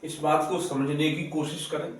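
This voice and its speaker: A man teaching children a spelling lesson, explaining slowly and patiently and repeating his points. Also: fairly high pitch, flat delivery. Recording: very echoey room, voice distant from mic.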